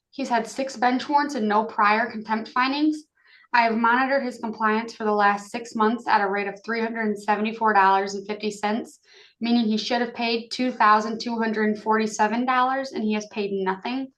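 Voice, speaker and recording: A woman giving a formal case report in court as a child support officer, reciting figures in a flat, procedural way. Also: on the high side, rough recording.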